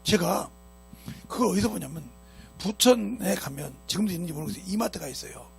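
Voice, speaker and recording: A man's voice: high voice, animated, brisk, gravelly, faint music behind. A man preaching a sermon as pastor, emphatic and scolding, who keeps asking his congregation rhetorical questions. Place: church sanctuary.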